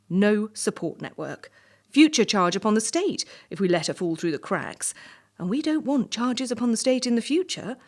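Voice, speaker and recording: On stage, a woman plays a ruthless and entitled young assessor. Her medium-pitched delivery is brisk and condescending, coolly domineering beneath a charming surface.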